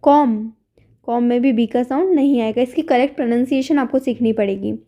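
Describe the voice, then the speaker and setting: This is a woman with a high, light voice, teaching an English lesson in Hindi. She goes through word after word at an even, patient pace, repeating each one before she explains it. It sounds like a recorded voice-over for a classroom video. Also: a little fast.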